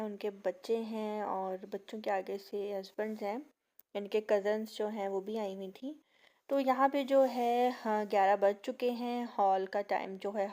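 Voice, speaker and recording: A young woman from Pakistan narrating a family vlog in a chatty way, filling pauses with "jo hai" and talking slowly because of a sore throat and fever. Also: mid-range voice, darkish tone. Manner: chatty, leans on the filler "jo hai". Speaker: family vlogger.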